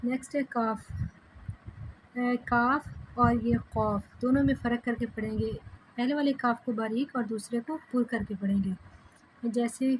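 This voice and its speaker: A woman teaching a children's Quran reading lesson, slowly drawing out each syllable in drills between quick explanations. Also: fairly high pitch, steady tone, slight background noise, poor audio. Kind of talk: step-by-step recitation lesson.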